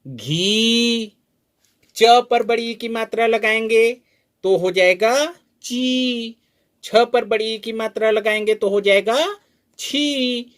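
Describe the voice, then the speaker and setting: A man teaching a spoken lesson, sounding out syllables slowly and drawing them out, asking the learner questions as he goes. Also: sits high. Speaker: Hindi teacher. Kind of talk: slow spoken lesson at a board.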